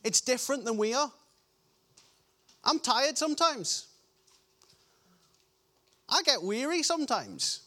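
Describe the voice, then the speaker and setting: A man preaching a sermon, reading scripture passages in a lower, softer voice and slowing down to stress key lines. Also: very animated.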